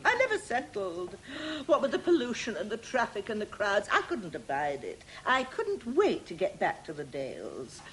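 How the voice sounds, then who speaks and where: A woman's voice: mid-range voice, wildly swooping pitch, moderate pace, fairly bright tone, rough recording. An actress playing a snobbish, overbearing middle-aged mother, talking in a genteel, pretentious way. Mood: haughty. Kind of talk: 1980s sitcom acting.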